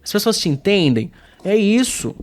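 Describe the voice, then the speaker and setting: A man from Brazil teaching a casual video lesson, informal and slangy, with emphatic, swinging delivery and lots of filler tags. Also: moderate pace. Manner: emphatic, lively pitch swings. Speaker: English teacher.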